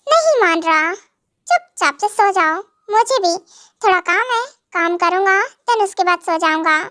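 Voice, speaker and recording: A woman's voice: very high voice, expressive, measured pace, fairly bright tone, no echo, studio quality, full character voice. A woman voicing a stubborn, hot-tempered young husband in a fan-made audio drama. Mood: scolding. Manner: scolding, stubborn.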